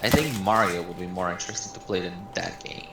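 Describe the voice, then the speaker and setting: Brief: lower-voiced man, mocking friend, heard off-mic in an echoey room with clear background noise. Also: quick pace. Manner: mocking, dismissive teasing. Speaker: streamer's friend. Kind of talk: casual argument. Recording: roomy, noisy, off-mic.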